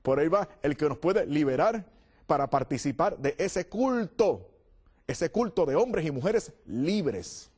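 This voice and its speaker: A man's voice: on the high side, sing-song, measured pace, darkish tone, breathy edge. A man preaching a sermon, telling the story with drama and acting out the voices of the crowd.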